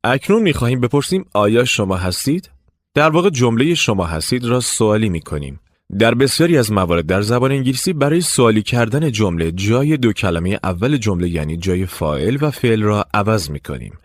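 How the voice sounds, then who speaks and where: A man narrating a language lesson, giving clear step-by-step instructions. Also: lowish voice, sing-song, no echo. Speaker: language teacher.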